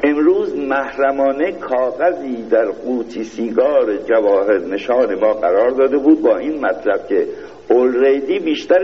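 Man, satirical reading, mock-royal narration, sardonic, muffled lo-fi audio. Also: medium pitch. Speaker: reader. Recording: dull, lo-fi recording with faint hiss.

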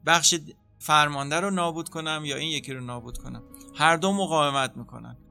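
A man speaking as a psychotherapist in an interview, calmly explaining how treatment works and acting out what a therapist says. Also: a little high, creaky, faint music behind. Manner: calm, explanatory, acts out therapist dialogue. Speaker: psychotherapist guest.

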